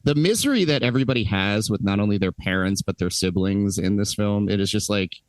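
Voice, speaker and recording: A man's voice: lowish voice, expressive, brisk, no echo. A man co-hosting a podcast in casual chat, rambling and hesitant with many restarts. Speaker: podcast co-host.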